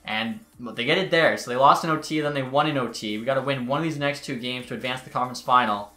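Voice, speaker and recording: A man's voice: medium pitch, quick pace, bright, forceful tone, faint music behind. A man giving casual gameplay commentary as a YouTuber, chatty with exasperated outbursts. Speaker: gaming YouTuber. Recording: roomy echo.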